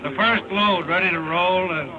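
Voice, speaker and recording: An actor playing a blunt, plain-spoken cowboy teamster with an American accent in an early 1930s western film. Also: male voice, sits high, normal speed, a crowd in the background, close to an everyday voice. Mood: upbeat. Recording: noisy 1930s film soundtrack.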